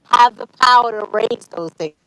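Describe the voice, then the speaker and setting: A woman's voice: on the high side, normal speed, noisy background. A woman calling in to a sports fan show, talking bluntly and swearing casually while her connection glitches and breaks up. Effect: glitching, breaking-up call audio. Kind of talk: casual opinionated chat. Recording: glitchy remote call connection.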